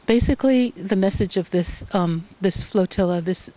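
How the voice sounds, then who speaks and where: Mellow-voiced woman journalist, measured. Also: mid-range voice. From Canada. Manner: measured, thoughtful, frequent ums. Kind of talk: interview answers.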